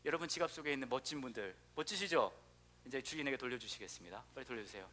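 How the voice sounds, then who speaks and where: A man in his thirties preaching a sermon, telling stories with questions to the congregation, sometimes dropping to a soft, hushed tone. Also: mid-range voice, very fast. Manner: animated storytelling, asks the congregation questions; drops to soft, near-whispered prayer tone. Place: church hall.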